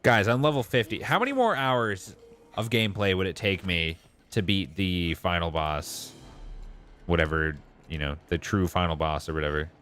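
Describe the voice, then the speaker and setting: A man doing casual live game commentary, thinking out loud and answering viewers as he plays. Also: deep voice, normal speed. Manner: reads and answers viewers' messages aloud. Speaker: game streamer. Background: game music.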